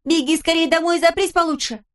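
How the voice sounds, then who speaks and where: A woman's voice: very high voice, quick pace, voice pushed up. A woman reading aloud, voicing a bold, impulsive, tender-hearted girl in exclamations that turn tearful. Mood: excited. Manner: excited, emphatic, tearful exclamations.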